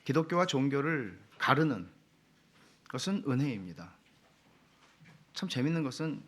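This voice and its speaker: A male pastor preaching a sermon in a conversational, reflective way, pausing often with soft fillers and now and then bantering with his congregation. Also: medium pitch. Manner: chats with the congregation and laughs. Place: church sanctuary.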